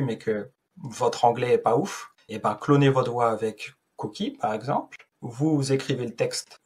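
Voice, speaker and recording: A man casually explaining a software tool as a YouTuber, in a loose, informal way with frequent hesitations. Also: mid-range voice, husky.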